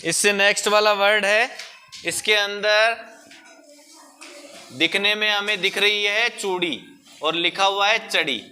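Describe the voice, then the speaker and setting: A man teaching a primary school class, patiently coaxing the children and drawing words out slowly to show the sounds. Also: high-pitched, steady tone, pushed and bright, faint music behind. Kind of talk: classroom lesson.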